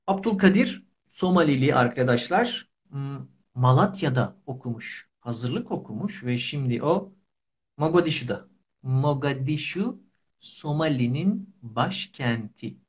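A man, hosting a casual live language lesson in simple, repeated short phrases. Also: mid-range voice. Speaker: Turkish teacher and live host. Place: small indoor room. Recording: dull lo-fi livestream audio.

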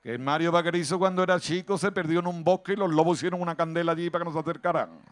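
A man with an Andalusian accent doing live stand-up comedy at an outdoor town festival, chatty and teasing the crowd, switching into quick put-on voices. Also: fairly high pitch.

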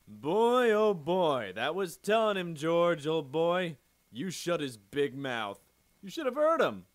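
Man acting Uncle Billy, slow, swooping excitable older fellow. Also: on the high side, dry recording. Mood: gleeful. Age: 50s. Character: excitable, kindly middle-aged uncle, easygoing. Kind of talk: radio drama acting.

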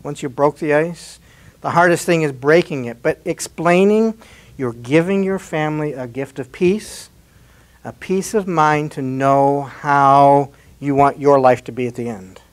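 Man, fairly high voice, slide-talk presenter, gentle and conversational, keeps asking "right?". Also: measured pace. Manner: conversational, often asks rhetorical questions and adds "right?". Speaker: presenter at a parish adult education talk.

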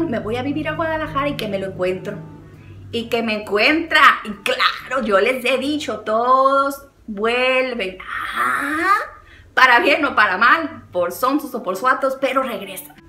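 A young woman with a Mexican accent chats to the camera in a high, bright voice, animated and quick to laugh as she acts out quotes. Her voice rings in an echoey room while faint music plays underneath. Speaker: vlogger. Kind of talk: chatty storytelling and advice.

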